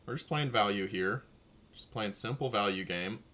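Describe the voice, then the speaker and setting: A man casually commentating his own card game match, thinking aloud and talking to his opponent, his voice low and slightly gravelly. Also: moderate pace, sharp tone.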